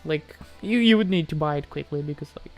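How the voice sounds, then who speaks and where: Faint music plays behind a brisk, fairly high-pitched man from Moldova. He's a live streamer casually responding to viewers, halting often, going over the same words, and letting thoughts fade out.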